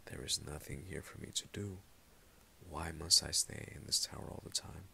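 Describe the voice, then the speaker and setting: A man voicing a lonely, defiant young girl locked in a tower, in a deep, gravelly voice. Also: normal speed, sharp tone, a little hiss or hum, heavily acted. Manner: complaining, insistent.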